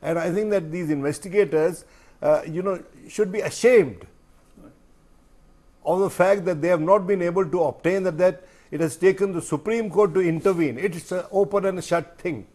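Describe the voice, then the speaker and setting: An Indian-accented male journalist, appearing as a guest on a panel discussion, speaks emphatically and rhetorically, repeating phrases for weight. His voice sits high with a darkish tone, delivered at normal speed.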